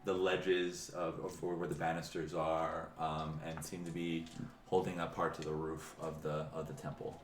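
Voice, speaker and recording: A man running a tabletop game, improvising halting narration as game master in an echoey room. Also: a bass voice, little pitch movement, recorded from a distance.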